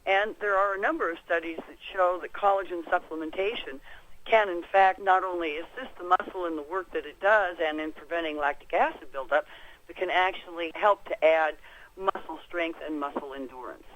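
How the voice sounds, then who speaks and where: Her voice lowish but fairly bright, an American woman speaks at normal speed as an expert guest on a conference call. This clinic practitioner keeps her explanations folksy and chatty, though the recording quality is low.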